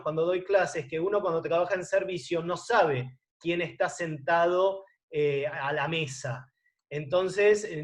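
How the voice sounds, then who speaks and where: A middle-aged man, giving an online wine lesson and often checking in with a rising question. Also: high-pitched. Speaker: wine course teacher. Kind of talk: online lecture.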